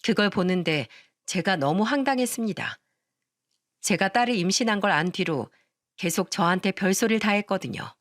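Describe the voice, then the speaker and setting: A woman narrating a scripted first-person family drama in a calm, even way. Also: mid-range voice, normal speed, no echo, studio quality. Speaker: storyteller.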